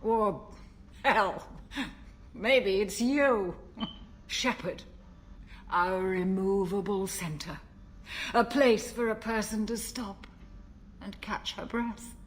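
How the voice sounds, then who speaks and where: An actress playing a calm, wry older female military ship's doctor in a video game, speaking in a gentle, reflective way. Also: medium pitch, natural voice. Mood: tipsy. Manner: gentle, reflective, measured delivery. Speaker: game character.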